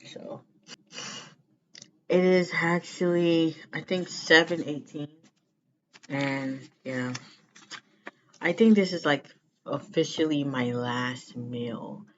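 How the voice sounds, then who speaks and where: Slow, low-key rambling vlogger, muffled recording. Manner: rambling, repeats phrases for emphasis. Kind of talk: casual chat to camera. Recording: muffled lo-fi sound with background noise.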